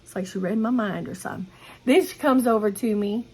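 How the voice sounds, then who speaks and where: Chatty woman with a husky voice. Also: mid-range voice, brisk, a little mellow. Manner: chatty, rambling, enthusiastic. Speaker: cross-stitch vlogger. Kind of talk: casual show-and-tell chat.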